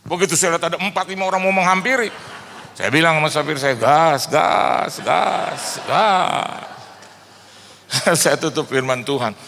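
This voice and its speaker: A man pastor preaching a sermon in lively storytelling fashion from a church stage, with a reverberant hall around him. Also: sits high. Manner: animated storytelling, rhetorical "Halo?" checks.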